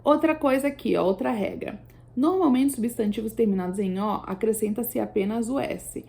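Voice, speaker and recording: A woman's voice: a little high, normal speed, vocal fry, mellow. A woman teacher explaining plural rules over slides, patiently checking in with her students. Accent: Brazilian Portuguese. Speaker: English teacher. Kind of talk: slide-based language lesson.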